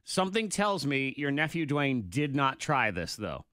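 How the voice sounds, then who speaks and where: A man in his thirties hosts morning radio with wry, playful banter. His pitch swings widely. The studio mic sounds close and dry. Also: very animated, moderate pace, fairly bright tone, dry recording. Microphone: studio microphone with headphones.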